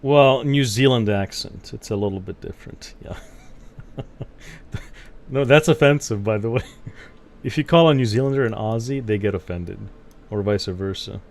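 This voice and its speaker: A man's voice: fairly low pitch, normal speed, pauses often, darkish tone. A man streaming a game, chatting casually with viewers in a blunt, rambling way, often laughing and swearing. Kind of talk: casual chat while gaming.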